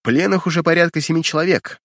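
A man's voice: a little high, steady tone, fast talker, fairly bright tone, no echo, studio quality, pitched above the performer's own voice. A man voicing a loyal guardsman who reports deferentially to his young master in an audiobook. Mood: sober, reporting.

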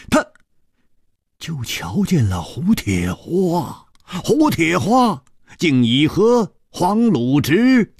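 A male storyteller reading a serialized novel for radio, his pitch sweeping from low murmurs to high peaks. His voice is husky, and the recording is dry and close with no room sound. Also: dry recording. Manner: dramatic storytelling cadence.

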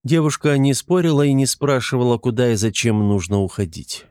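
A man's voice: medium pitch, lively intonation, a little fast, a little mellow, no room sound. Man reading an audiobook, dry sound. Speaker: audiobook narrator. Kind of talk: scripted narration.

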